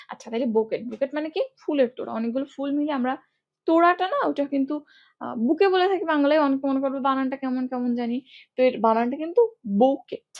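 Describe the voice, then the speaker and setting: A woman's voice: sits high, highs cut off. A young woman teaching an English spelling class in a chatty, playful way, quizzing students and using mnemonics.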